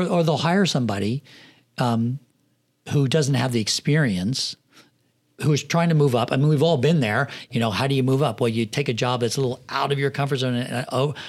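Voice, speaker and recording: A middle-aged man, a film production manager, telling rambling anecdotes in a casual podcast interview, with many fillers and restarts. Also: medium pitch.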